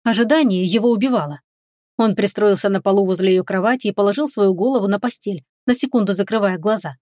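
A woman's voice: mid-range voice, fast talker, a little mellow, no echo. Woman narrating a fantasy story in a dry room. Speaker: audiobook reader.

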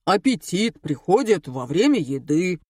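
A slow-witted male radio caller, voiced by a woman reading an audiobook, blunt and slangy. Her voice stays fairly low and close to her own, with a dry sound. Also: very animated, darkish tone, breathy edge, no room sound, exaggerated voice. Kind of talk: audiobook character voice.

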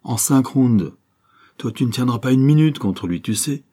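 A man voicing a young man who calms a friend in a firm, conciliating way, in a storybook reading. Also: medium pitch, normal speed, breathy edge, pitched above the performer's own voice.

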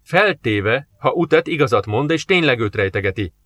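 A man's voice: mid-range voice, lively intonation, a bit bright. A man playing a brusque time-police captain. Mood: brooding. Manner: brusque, exasperated. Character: harried adult male time-police captain.

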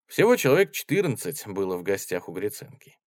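A man narrating a classic novel as an audiobook with an expressive reading. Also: on the low side, a little fast, no room sound, clean studio sound.

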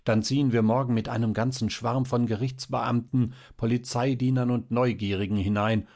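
A man voicing an earnest, mysterious young man who speaks softly and persuasively, in an audiobook reading. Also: mid-range voice, steady tone, normal speed, pitched above the performer's own voice, natural voice. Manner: soft, pleading, then serious.

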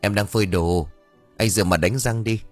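A man voicing a gentle young wife, talking in a soft, caring way. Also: lowish voice, fairly even intonation, moderate pace, no room sound, faint music behind, natural voice. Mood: worried caring.

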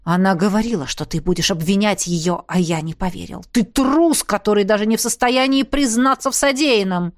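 A woman's voice: mid-range voice, normal speed, few pauses, natural voice. Woman voicing a hot-headed young male enforcer. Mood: bitter. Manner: accusing, shouting.

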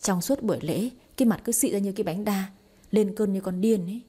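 A woman reading a romance story aloud in an even, smooth storytelling manner. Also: medium pitch, brisk. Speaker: story narrator. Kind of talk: scripted narration of a romance story.

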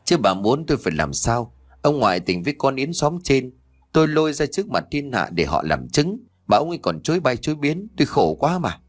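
A man's voice: big pitch swings, fairly quick. A man voicing a jealous, furious middle-aged wife who hurls accusations at her husband in an audio story. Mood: distraught. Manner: shrill accusing shouts.

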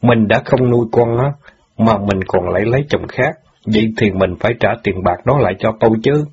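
A man's voice: lowish voice, darkish tone, slightly rough. A man voicing a bitter, grieving middle-aged ex-bandit who pleads and rages at the wife who left him, in an audio story. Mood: pleading. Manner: reproachful, pleading, quick to anger. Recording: dull lo-fi audio.

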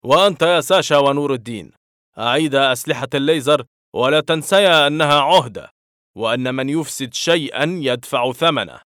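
A man's voice: mid-range voice, fairly quick, fairly bright tone, clear, resonant tone, dry recording, lightly acted. A man voicing a stern middle-aged office director who scolds in a firm, dry tone.

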